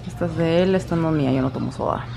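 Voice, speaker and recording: A woman's voice: low-pitched, rapid-fire, gravelly, very noisy. A woman with a Mexican accent chatting casually in a rambling way as a vlogger at home. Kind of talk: casual chat.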